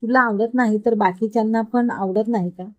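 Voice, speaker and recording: A woman voicing a carefree young man who teases in a relaxed, mild way, in a storybook reading. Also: on the high side, a little fast, dull audio, natural voice.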